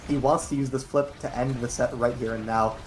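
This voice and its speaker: A co-caster calling an esports match live in a steady, explanatory way. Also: medium pitch, brisk, slight background noise, low-quality recording. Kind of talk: live play-by-play commentary.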